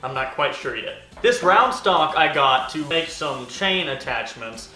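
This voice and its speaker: A man's voice: a little high, animated, measured pace, pushed and bright, low-quality recording. A man explaining a metal build in his workshop in a casual, chatty way, joking at his own expense. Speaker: maker and video host. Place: home workshop, not soundproof.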